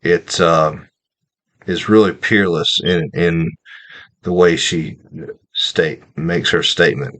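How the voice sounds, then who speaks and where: A man's voice: sits low, steady tone, slow, fairly bright tone. A man hosting a radio commentary, reading passages aloud and then repeating them with his own remarks and small fillers. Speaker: radio host.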